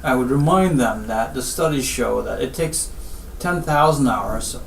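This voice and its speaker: A man from Guyana, a spinal surgeon, giving measured advice in an interview and often repeating what he tells his patients. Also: mid-range voice, lively intonation, vocal fry, a little hiss or hum. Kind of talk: interview answers. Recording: roomy, distant mic with faint ambience.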